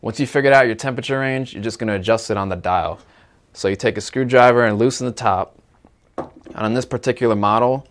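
Young guy doing a plumbing how-to, lowish voice, plain straightforward delivery, studio. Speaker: product presenter. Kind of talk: explainer video.

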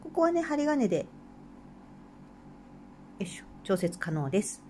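A woman's voice: medium pitch, big pitch swings, measured pace, a little mellow, slight background noise. A woman with a Hokkaido Japanese accent, hosting a craft channel and chatting casually while she works, laughing often and murmuring to herself. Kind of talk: casual craft tutorial chat.

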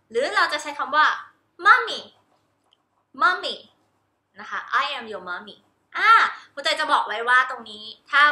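A homeschool teacher gives a cheerful lesson on baby sign language, demonstrating each sign while repeating the English words. Her voice is high, pushed and bright, with noticeable reverb.

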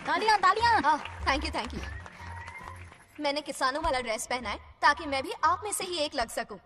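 Brief: a woman voicing a boastful young headwoman, high voice, loud music under, film dub. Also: moderate pace, close to an everyday voice. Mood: showy. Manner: boastful public speech. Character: showy young village headwoman.

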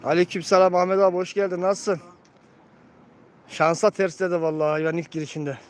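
A man's voice: high-pitched, little pitch movement, a little fast, smooth. A man hosting a casual live pigeon-auction stream, commentating and addressing viewers as friends. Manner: addresses viewers as friends, repeats key phrases.

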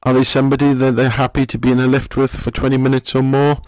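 A middle-aged man, a pastor, giving a gentle, conversational sermon full of questions to the listener. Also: mid-range voice, little pitch movement, fast talker, dry recording.

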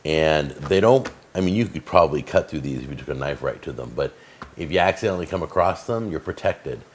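A middle-aged man with a very deep voice runs a casual cooking show from his own kitchen. He chats eagerly through one gadget after another, filling the gaps with ums and uhs. A faint hiss sits under the recording. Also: animated, a little fast. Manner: chatty, enthusiastic, filler-heavy. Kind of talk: casual product demo. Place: home kitchen, indoors.

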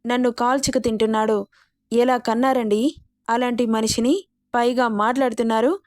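A woman voicing a defiant young wife who speaks in a sharp, accusing way in a storybook reading. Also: a little high, steady tone, normal speed, no echo, studio quality, close to an everyday voice. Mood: bitter, accusing. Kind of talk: storybook narration.

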